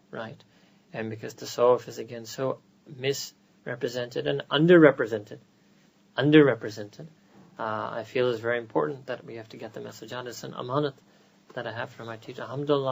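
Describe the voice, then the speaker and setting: An American man, a scholar, giving a conversational religious lecture to a gathering with quick joking asides. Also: mid-range voice, vocal fry, husky, poor audio. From United States.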